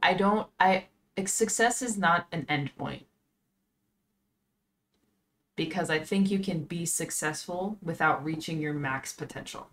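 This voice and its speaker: Twenties woman with a low voice, hosting a casual home podcast, thinks out loud. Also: moderate pace, slight background noise. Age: 20s. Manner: earnest, thinks aloud. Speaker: podcast host. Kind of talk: casual chat. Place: home streaming room.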